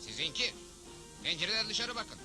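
An actor playing a wry, assured, fair-minded cowboy hero in a dubbed Western cartoon. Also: male voice, sits high, sing-song, moderate pace. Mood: firm, assured. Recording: loud background music.

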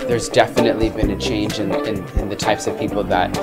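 A young man from a family bakery, talking casually and haltingly in an interview. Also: fairly low pitch, steady tone. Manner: hesitant, full of restarts and fillers. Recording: loud music under the voice.

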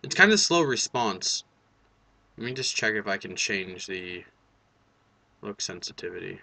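A man's voice: lowish voice, big pitch swings, measured pace, creaky, sharp tone. A young man giving casual let's play commentary, joking, swearing and reacting as he plays. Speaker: gaming video host.

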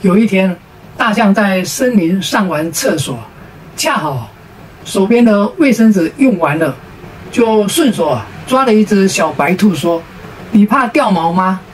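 Female joke teller, Taiwanese Mandarin accent, mid pitch, lilting particles, distant mic. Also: expressive, unhurried, echoey room, slight background noise. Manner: sing-song, sentence-final particles. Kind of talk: storytelling comedy.

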